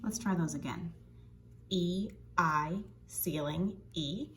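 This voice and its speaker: Woman teacher doing phonics drills for kids, stretches out every sound, slightly low voice. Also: a bit bright, soft background music. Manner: slow, drawn-out sound drills. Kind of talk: phonics lesson for children.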